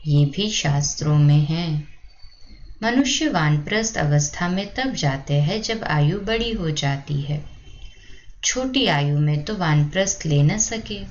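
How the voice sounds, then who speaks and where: Slow, low-pitched woman reading devotionally. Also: animated, highs cut off. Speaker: spiritual reader.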